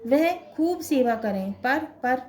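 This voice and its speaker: A woman voicing a worried mother, slow and prayerful as she reads the lines. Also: sits high, lively intonation, darkish tone. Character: worried mother praying for her sons.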